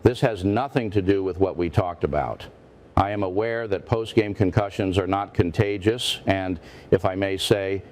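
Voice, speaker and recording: A man's voice: low voice, lightly acted. A man playing a parody news anchor, a stiff, formal, indignant interviewer who presses and repeats himself. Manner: stiff, formal, repetitive, confrontational.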